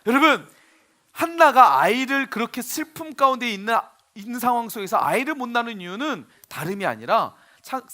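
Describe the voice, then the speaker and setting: A male pastor telling a sermon story for children, animated and often asking the audience questions. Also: very high-pitched, a little fast.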